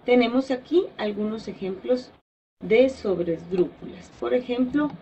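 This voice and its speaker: Slow, deliberate woman teaching spelling. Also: fairly high pitch, expressive, dark tone, slight background noise, rough recording. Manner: slow and deliberate, stretching example words, stressing syllables. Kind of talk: slide-based spelling lesson.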